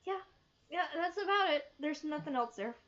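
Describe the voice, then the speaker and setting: Young woman, high voice, animated casual film review co-host, dull lo-fi mic. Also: normal speed. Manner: animated, emphatic rhetorical questions. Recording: dull lo-fi sound.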